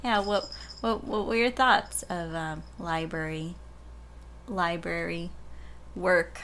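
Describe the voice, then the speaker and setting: A woman's voice: fairly low pitch, steady tone, slow, a bit bright. A woman who works as a librarian, chatting casually and laughing often. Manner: giggly, rambling. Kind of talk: casual chat.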